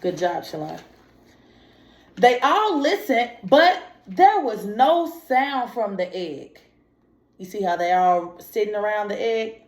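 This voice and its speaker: In an echoey room, a woman teacher with a voice on the high side reads a picture story aloud to children. She speaks informally and prompts them with simple comprehension questions.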